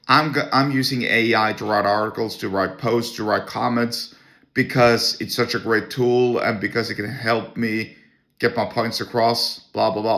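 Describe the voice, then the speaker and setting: On his solo podcast, this host rants in a scornful, blunt manner, frequently starting over mid-thought. He's a man with a Norwegian accent, and his lowish voice has a sharp edge.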